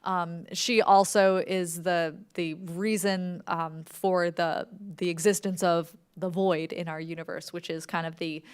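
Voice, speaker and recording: A woman podcast creator and panel speaker chats casually and enthusiastically at a public talk held at a library event with an audience, often dropping in "like". Her lowish voice is clear and resonant, with little pitch movement, an unhurried pace, and hardly any pauses.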